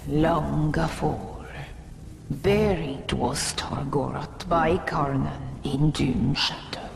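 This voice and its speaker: A woman playing an ancient, cryptic forest spirit in a game, mournful and breathy, speaking in archaic phrases. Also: deep voice, very slow, noisy background, heavily acted. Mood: mournful, solemn. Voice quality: breathy, whispery. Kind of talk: slow archaic cryptic narration, game acting. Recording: long reverberant hall echo.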